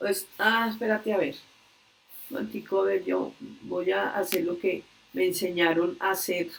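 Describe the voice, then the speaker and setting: A woman's voice: fairly low pitch, flat delivery, creaky. Woman telling a story on a video call. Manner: slow, earnest retelling with many hesitations. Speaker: religious workshop leader. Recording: distant video-call audio.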